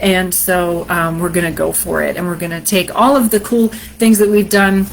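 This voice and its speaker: A woman host and storyteller with a deep, sultry voice, chatting casually on a live stream in a rambling way. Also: steady tone, normal speed, creaky, poor audio. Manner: chatty and rambling, many fillers.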